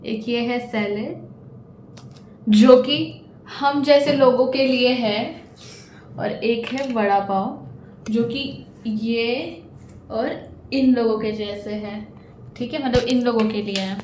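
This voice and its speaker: A woman's voice: on the high side, takes it slowly, pauses often, a little mellow. Giggly young woman vlogging on the street. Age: young adult. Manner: chatty, giggly storytelling. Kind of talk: casual vlog chat. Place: outdoors on city streets and in an office. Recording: noisy street with traffic. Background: traffic and street noise.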